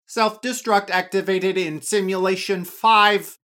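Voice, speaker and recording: A storyteller voicing a cold, mechanical computer that announces a countdown in slow, loud, clipped words. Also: mid-range voice, fairly even intonation, pitched above the performer's own voice. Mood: alarmed.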